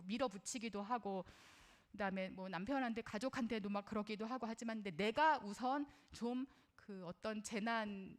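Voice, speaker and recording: Middle-aged woman, parenting lecturer, earnest and conversational, asks her audience questions. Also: fairly high pitch. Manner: personal, shares her own experience as a mother.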